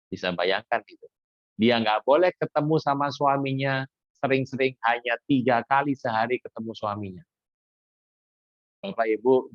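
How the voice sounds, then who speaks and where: A man's voice: medium pitch, no room sound, dull audio. A man preaching a sermon in a conversational way, often putting questions to the congregation and exclaiming. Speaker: pastor.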